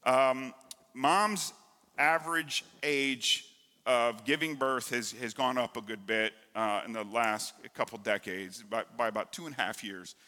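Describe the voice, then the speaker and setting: A man preaching a sermon as pastor, emphatic and rising to loud stresses, heard in an echoey church hall. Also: medium pitch, a little slow. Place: church sanctuary.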